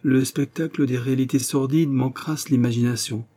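A man voicing a lively, carefree young poet who talks with enthusiasm. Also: mid-range voice, moderate pace, lightly acted. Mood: enthusiastic. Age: young adult. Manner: enthusiastic, raised voice.

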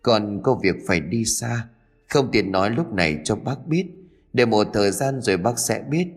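A man's voice: fairly low pitch, lively intonation, moderate pace, husky, in a large hall. A man voicing the vengeful ghost of a young woman in her twenties, cold and mournful. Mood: evasive. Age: 20s.

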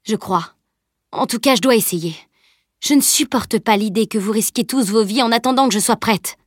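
A woman's voice: a little high, moderate pace, husky, no room sound, studio quality, pitched above the performer's own voice. A woman reading the part of a determined teenage girl in an audiobook, earnest and resolute. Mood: urgent.

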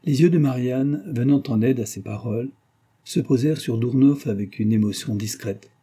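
Male audiobook narrator, measured reading, very dark and husky voice. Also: medium pitch.

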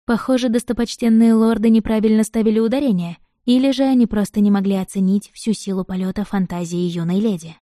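An audiobook narrator with a mid-range voice reads a novel aloud in even, measured scripted narration. The studio-quality recording has no room sound.

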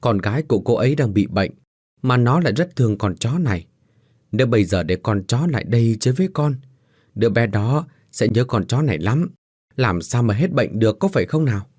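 A man voicing a kindly older mother who speaks gently but firmly. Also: mid-range voice, expressive, a little fast, slightly rough, dry recording, studio quality. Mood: soothing firm. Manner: soothing, motherly, firm.

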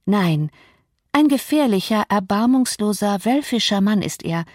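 A woman narrator voices a proud, sharp-tongued young woman in an audiobook. She talks with cutting emphasis. The sound is dry and close. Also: mid-range voice, expressive, a little slow, dry recording. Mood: scolding.

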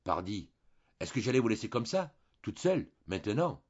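Casting: a weepy, loyal country servant woman, voiced by a male reader, low and husky, dull recording. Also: very animated, normal speed, darkish tone. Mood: tearful, homely. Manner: rustic country speech. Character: older woman, a weeping rustic maidservant.

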